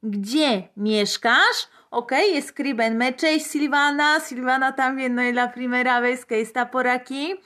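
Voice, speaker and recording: A woman's voice: high voice, slow, few pauses, a bit bright. A woman teaches a live online Polish lesson. She drills phrases aloud and greets her viewers.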